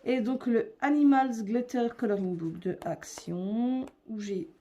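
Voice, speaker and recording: A woman's voice: on the high side, a little slow, dark tone. A young woman vlogger chatting casually and a bit hesitantly as she shows her coloring books, with many fillers.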